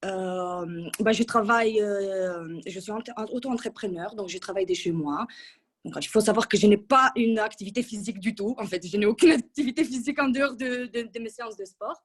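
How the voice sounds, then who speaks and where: A woman in her thirties, a coaching client, gives a casual testimonial in an interview. Her mid-range voice moves a little fast, and she's chatty, with many restarts and fillers.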